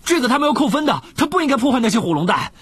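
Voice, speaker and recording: A woman voicing an excitable, loyal teenage boy wizard in an audiobook, chattering fast with big leaps in pitch. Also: husky, no echo, full character voice. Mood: excited.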